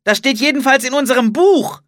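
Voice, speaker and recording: A storybook reader voicing a young boy who urges his sister on with hurried exclamations. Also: medium pitch, very animated, darkish tone, no echo, studio quality, voice pushed up. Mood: shouting urgently. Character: young boy, brisk and excitable brother. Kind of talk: audiobook character voice.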